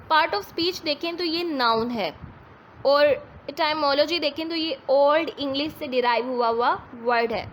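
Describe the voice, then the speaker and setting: A woman teacher explaining a textbook exercise patiently, step by step, reading English phrases slowly. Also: high voice, fairly bright tone, slight background noise, poor audio. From Pakistan.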